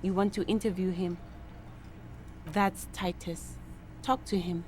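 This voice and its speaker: A woman voicing a stern union legal counselor in a detective game, cool and measured, with a French-sounding accent. Her voice sits a little low. A faint hum sounds behind her. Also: steady tone, lightly acted.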